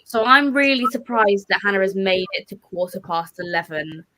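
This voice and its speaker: Bright-voiced woman hosting a stream. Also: mid-range voice, animated, moderate pace, dry recording, rough recording. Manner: chatty, self-deprecating, laughs often. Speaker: readathon stream host. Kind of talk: casual chat on a livestream.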